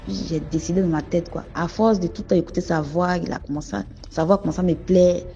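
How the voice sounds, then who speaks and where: Low gravelly-voiced woman telling a story. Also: steady tone, quick pace, dark tone, a little hiss or hum. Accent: Cameroonian French. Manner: conversational, rambling with restarts and addressing the host. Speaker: caller telling a personal story. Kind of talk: casual spoken storytelling. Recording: muffled lo-fi audio with music behind. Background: faint background music.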